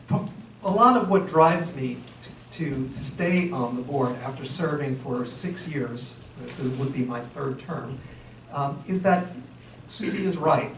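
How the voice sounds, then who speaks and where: A man's voice: medium pitch, slight background noise. A middle-aged man giving an earnest candidate speech at a community forum, with frequent fillers and restarts. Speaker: candidate for town office. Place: community meeting room. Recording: roomy hall, mic far off.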